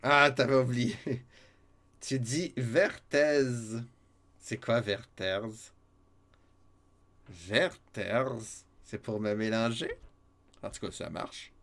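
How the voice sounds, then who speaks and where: A man's voice: mid-range voice, drawn-out words, pauses often, a bit bright. A man with a Québécois French accent giving casual, playful gameplay commentary as a streamer, teasing his viewers and chuckling often. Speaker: let's-play streamer.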